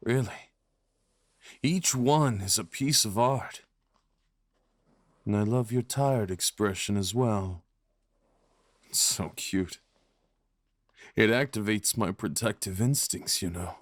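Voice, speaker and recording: In an intimate ASMR roleplay, a man plays a devoted, possessive fox spirit husband, rambling softly and tenderly with murmured endearments. His lowish voice moves slowly with frequent pauses, the recording has no echo, and he sounds doting and playful.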